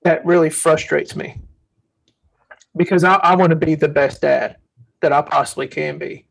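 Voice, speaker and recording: A man with a high-pitched, gravelly voice talks earnestly about parenting in a casual faith-based chat. He tells stories from his own life and acts out the lines of the people in them. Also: fairly even intonation, moderate pace, fairly bright tone, poor audio. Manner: earnest, storytelling, acts out quotes. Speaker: podcast co-host.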